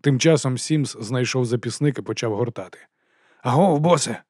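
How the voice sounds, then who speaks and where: A male audiobook narrator of medium pitch delivers scripted narration with steady, measured storytelling, recorded dry and clean in a studio.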